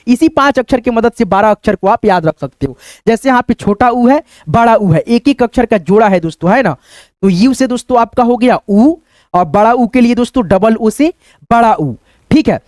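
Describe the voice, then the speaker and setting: A man with a fairly high voice gives a beginners' lesson, repeating each point and calling his viewers friends. He slows down to sound letters out one by one. His voice is close and dry, with no room echo. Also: darkish tone. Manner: addresses viewers as friends, repetitive and drilling. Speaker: English teacher. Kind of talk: online lesson explaining letters.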